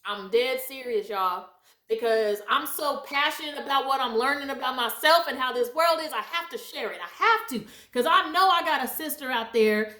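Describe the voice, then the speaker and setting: High animated woman in an echoey room. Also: moderate pace. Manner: emphatic and preachy, laughs often. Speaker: vlogger giving life advice. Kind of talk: casual motivational monologue.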